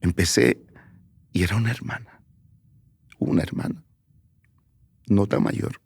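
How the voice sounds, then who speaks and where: A man giving a personal testimony on the radio, telling his story haltingly and often dropping to a soft near-whisper. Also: lowish voice, dry recording. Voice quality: creaky, husky voice.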